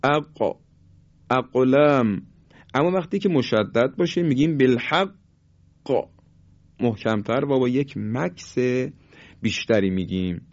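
A man teaching Quran recitation in Persian, explaining each rule, then drawing out the example words slowly and firmly. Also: medium pitch, expressive, a little mellow. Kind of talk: tajwid lesson with slow demonstrations. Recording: dull lo-fi sound.

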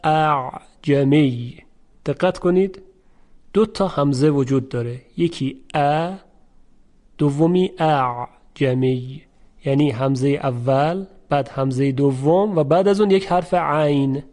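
A man teaching Quran recitation rules, with a mellow, slightly raised voice. He speaks slowly and carefully, repeating each sound to demonstrate it. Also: on the high side. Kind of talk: tajweed lesson.

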